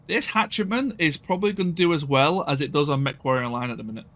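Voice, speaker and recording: A man's voice: on the high side, fast, a bit bright. A man casually commenting while playing a strategy game, thinking aloud and swearing now and then.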